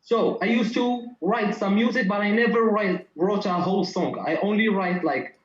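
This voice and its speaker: A man, a contestant artist talking earnestly and loudly on a video call in loose phrasing. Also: high-pitched, normal speed. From Morocco. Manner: loud, earnest, speaking in loose non-native phrasing. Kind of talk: online showcase interview. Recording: echoey, muffled video call audio.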